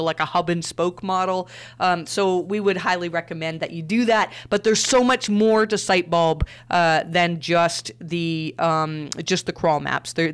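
A woman's voice: fairly low pitch, smooth. A woman hosting a solo podcast, talking casually with frequent fillers and restarts. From Canada. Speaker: podcast host.

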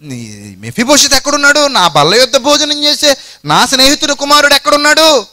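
A man's voice: very high voice, lively intonation, brisk, pushed and bright, pitched above the performer's own voice, exaggerated voice. A man preaching a sermon, voicing a grown male king who demands answers from a servant in a raised voice. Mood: demanding.

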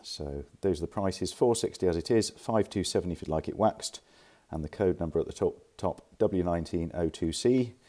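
A man's voice: low voice, normal speed, few pauses, dark tone. A man casually showing pieces of furniture in a warehouse, chatty and informal, sometimes correcting himself, filmed on a handheld phone. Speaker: furniture dealer. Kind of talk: casual walkthrough of stock. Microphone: handheld phone camera.

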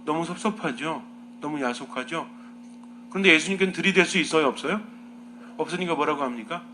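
Man, priest, homily, questioning teaching tone, fairly high voice, faint background hum. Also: fairly quick. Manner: asks the listeners many questions, lively teaching tone.

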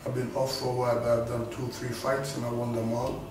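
A man's voice: mid-range voice, completely flat delivery, fairly quick. Rambling man in a very echoey room. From Senegal. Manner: rambling, repeats and restarts phrases. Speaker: boxer and rapper introducing himself. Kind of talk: casual self-introduction to camera. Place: indoors, in front of a studio backdrop. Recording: very echoey room from a distance, music behind.

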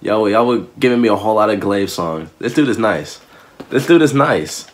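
A young man with a notably deep, low-pitched voice hosts a music reaction. He talks loosely and emotionally in casual slang, often turning to his viewers directly. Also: normal speed.

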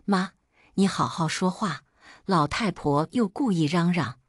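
A woman's voice: lowish voice, measured pace, husky, no echo, studio quality. Woman reading as a meek, evasive husband. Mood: placating.

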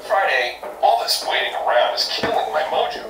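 A cocky armored superhero with a glib, sardonic delivery that swings up and down. He sits a bit high in pitch, playing from a toy speaker in a roomy space under loud music. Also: big pitch swings, normal speed. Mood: brisk, commanding. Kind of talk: scripted toy robot voice lines.

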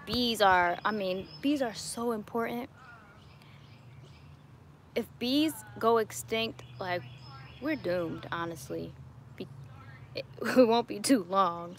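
Recorded outdoors in a home garden on a phone or webcam at arm's length, a YouTuber in her late twenties chats with her livestream viewers, cheerful and quick to laugh. Her medium-pitched voice is a bit bright, with slight background noise in the clip.

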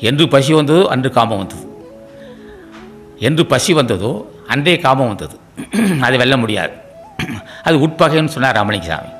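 A man giving a devotional sermon as a spiritual teacher, repeating pleading rhetorical questions and often clearing his throat. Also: mid-range voice, expressive, normal speed, pauses often, a bit bright, faint music behind.

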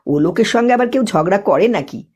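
A woman voicing a sharp-tongued, playful village wife who teases and scolds in quick retorts. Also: medium pitch, expressive, slightly rough. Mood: gossipy.

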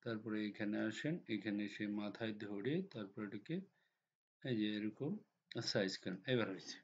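A hoarse man with a cold walks through a design software tutorial step by step, often checking that the viewer is following. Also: fairly low pitch, normal speed. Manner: step-by-step instructions with frequent checks like "ঠিক আছে?". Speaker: computer design instructor. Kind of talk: screen-recorded software tutorial. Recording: dull lo-fi recording with faint noise.

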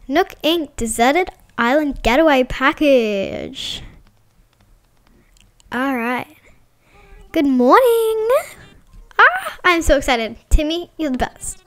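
A woman giving casual, chatty gameplay commentary as a vlogger, excitable and full of fillers. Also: high voice, clean tone. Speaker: gaming vlogger.

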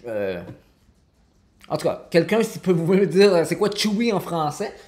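A man's voice: on the high side, big pitch swings, a little slow, darkish tone. Québécois guy in his 40s doing a live cooking stream in his kitchen, lots of euh, chatting with viewers. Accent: Québécois French. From Quebec. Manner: chatty, many fillers, answers chat viewers. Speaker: cooking livestreamer. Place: home kitchen indoors. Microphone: fixed camera on counter.

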